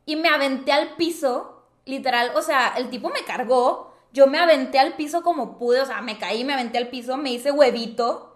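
A woman's voice: high voice, moderate pace. A young woman telling a personal story in a casual chat, full of fillers and dramatic turns. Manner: chatty, dramatic, many fillers like "o sea" and "tipo". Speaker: podcast co-host. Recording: roomy echo.

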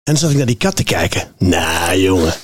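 A man's voice: sits low, very animated, fairly quick. A man hosting a casual chat, asking questions and telling anecdotes in an informal way. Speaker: host.

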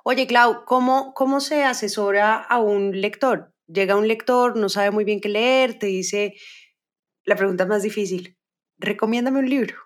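A woman interviewer puts easygoing, friendly questions to her guest. Her voice sits at an ordinary mid pitch. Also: unhurried. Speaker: podcast interviewer.

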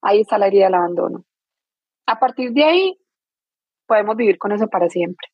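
A woman's voice: mid-range voice, expressive, brisk, dry recording, lo-fi sound. A woman, a guest explaining emotional wounds through everyday examples, often restarting her sentences. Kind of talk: explanatory interview talk.

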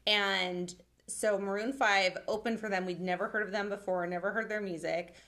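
A woman co-hosting a podcast, chatting casually, animated and quick to giggle. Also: medium pitch. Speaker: podcast co-host. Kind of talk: casual chat.

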